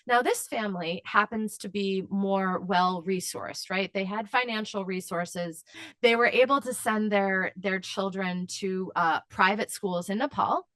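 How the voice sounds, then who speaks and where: A woman's voice: medium pitch, a little slow, fairly bright tone, no room sound. A woman guest in an interview, answering at length in an impassioned way with fillers and restarts. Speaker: advocacy guest.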